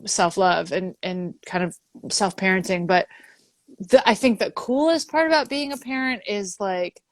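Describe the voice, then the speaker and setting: Frank thirty-something woman guest, mid-pitched, dry close sound. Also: moderate pace, dry recording. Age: 30s. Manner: frank, swears casually. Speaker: guest musician. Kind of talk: casual interview chat.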